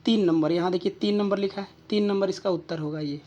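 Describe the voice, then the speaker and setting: Casting: woman teacher, methodical and patient, talks through each exam answer, mid-pitched voice. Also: fast talker, mellow, lo-fi sound. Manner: methodical, checks in with rhetorical questions. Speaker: Sanskrit exam tutor.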